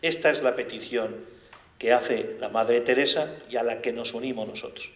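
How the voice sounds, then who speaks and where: A man, a friar, leading a spoken Bible commentary in a gentle, reflective way. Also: medium pitch, moderate pace. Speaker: friar leading a lectio divina. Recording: echoey room.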